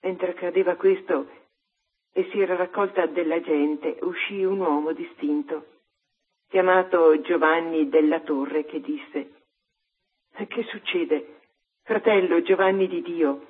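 A woman co-host reading a devotional story aloud in a calm, measured way on religious radio. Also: on the low side, breathy edge. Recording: narrow phone-like radio sound.

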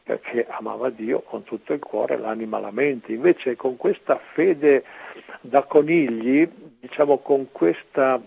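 A man, a priest, giving an earnest, preachy commentary on scripture over the radio, with a gravelly, husky voice. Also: mid-range voice. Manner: earnest, preachy, often pausing on "ecco". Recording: narrow phone-like radio sound.

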